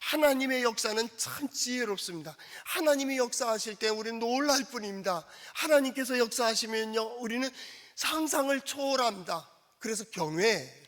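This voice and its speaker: A man preaching a sermon as pastor. He asks the congregation questions and acts out quoted speech in a soft, coaxing tone. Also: very high-pitched, expressive, normal speed. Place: church sanctuary. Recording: long church hall reverb.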